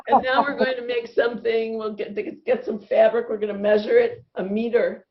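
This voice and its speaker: A woman teaching laughter yoga over a video call, upbeat and encouraging, often breaking into laughter as she guides the group. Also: fairly high pitch. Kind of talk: guiding a group laughter session. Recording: dull lo-fi video call audio. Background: group of participants laughing and cheering.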